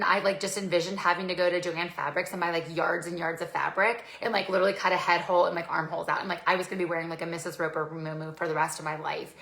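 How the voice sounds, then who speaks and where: A woman's voice: fairly low pitch, creaky, a bit bright. Chatty woman telling a story in an echoey room. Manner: chatty, many "like" fillers, acts out quotes. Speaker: vlogger. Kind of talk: casual storytelling to camera.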